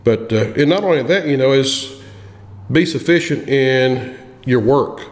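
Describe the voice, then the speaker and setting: Speaking into a studio mic on a boom arm, this man, a construction veteran guest on a podcast, shares practical advice plainly and keeps restarting his sentences. He's animated, medium-pitched and measured in pace. The small room with a table echoes with long reverb.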